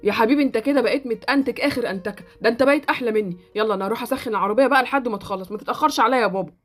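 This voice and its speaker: A woman's voice: on the high side, very fast, soft background music, close to an everyday voice. A woman voicing an earnest, lovesick young man in an Egyptian Arabic Roblox drama, who speaks in a pleading way. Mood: cheerful.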